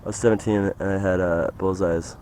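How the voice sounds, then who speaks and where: A man's voice: deep voice, steady tone, a little fast, background noise. A young man talking in a rambling, meandering way, full of "like" and "you know", in a casual monologue. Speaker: vlogger.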